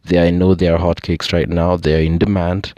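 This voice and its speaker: A young Kenyan man with a deep, low voice talks through ideas in a relaxed, explanatory monologue. He keeps dropping in "you know" and "I think" as he goes. The sound is close and dry. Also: a little fast, no room sound. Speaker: podcast host. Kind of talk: casual monologue.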